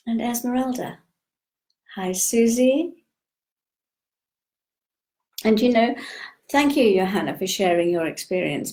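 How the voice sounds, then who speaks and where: An older woman hosting a live spiritual session, talking gently and unhurriedly as she greets viewers and explains her topic. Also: mid-range voice. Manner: slow, gentle, unhurried, with frequent pauses.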